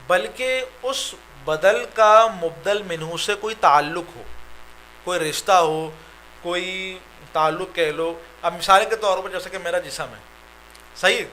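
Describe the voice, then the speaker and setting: Bright-voiced male grammar teacher. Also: sits high, a little hiss or hum. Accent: Pakistani Urdu. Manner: explains step by step, asking "right?" after each point. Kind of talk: recorded online lecture.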